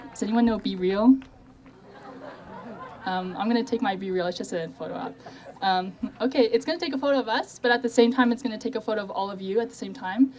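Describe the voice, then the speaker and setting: A young adult woman co-hosts an outdoor event, addressing the audience informally in a medium-pitched, somewhat dark voice. Crowd sounds fill the background.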